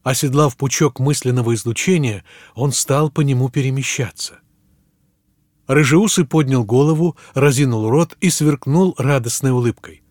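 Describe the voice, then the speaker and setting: A man narrates an audiobook at a measured pace, letting his voice sink low at the ends of phrases. His pitch sits in the middle for a man. The recording is close and dry, with no room sound. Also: a little mellow, no echo. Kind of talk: scripted narration.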